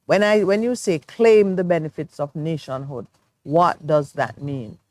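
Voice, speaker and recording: A woman's voice: low voice, a little slow, a little mellow, no echo. Woman on a studio talk show, earnest and reflective, dry close mic. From Jamaica. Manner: earnest, reflective, explaining at length. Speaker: morning show co-host.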